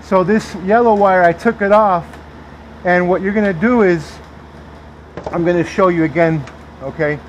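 An HVAC technician walks through a repair step by step at a moderate pace, pausing often and asking "okay?" after each point. It's a hands-on tutorial filmed on a body-worn camera, first in an attic, then a backyard. The sound is dull, dry and low-fidelity, with slight background noise.

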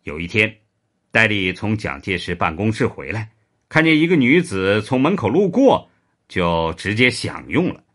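A man narrating a serialized historical story in an expressive, animated way. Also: fairly low pitch, normal speed.

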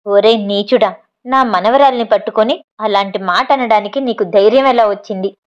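A woman's voice: mid-range voice, normal speed, lo-fi sound, close to an everyday voice. A woman voicing a scolding old grandmother. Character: grieving old grandmother scolding her son.

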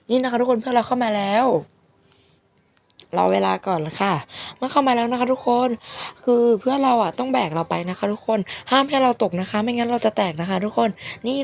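A woman with a hoarse, sick-sounding voice giving casual game commentary, politely addressing her viewers. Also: on the high side, slight background noise. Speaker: gaming video host.

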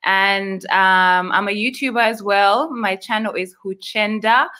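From a small indoor room, a young Ugandan woman appears as a video call interview guest, heard through a webcam. Her medium-pitched voice is a little slow and sharp in tone, and she is friendly as she gives long explanations.

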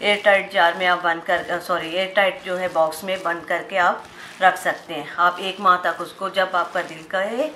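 Woman cooking host, bright chatty voice, step-by-step home recipe, roomy kitchen echo with frying behind. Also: on the low side, steady tone, moderate pace. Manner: chatty, step-by-step, addresses viewers directly. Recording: roomy kitchen echo, faint background noise. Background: oil frying in a pan.

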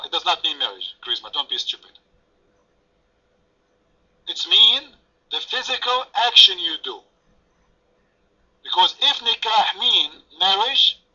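Over lo-fi voice chat audio, a man whose first language is French runs an online debate, needling participants with sarcasm and taunts. His voice is a little high and sounds pushed and bright.

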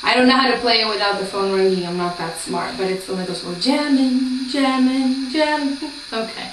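A woman's voice: on the high side, normal speed, noisy background. A Brazilian-born woman in her late twenties chatting casually to camera in a small room at home, rambling with lots of ums. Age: 20s. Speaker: vlogger. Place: small room indoors by a door. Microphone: camera across the room. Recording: roomy, distant home camera.

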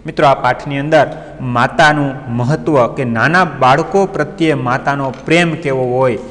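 A man's voice: medium pitch, normal speed, a bit bright. A male teacher giving an online class, retelling a story and stopping often to explain the meaning of words. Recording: long reverb.

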